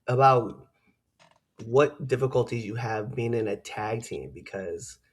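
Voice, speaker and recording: A man chatting casually as an interview host and fellow wrestler, telling stories in an animated, slangy way and laughing often. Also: medium pitch, moderate pace, husky. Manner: animated storytelling with slangy asides; laughs often while talking.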